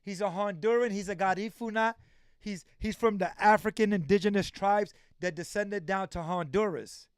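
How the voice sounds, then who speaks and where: A man with a notably high, smooth voice hosts a casual livestream interview at a moderate pace. He's emphatic, repeating phrases to drive his points home, and the sound is dry with no room echo.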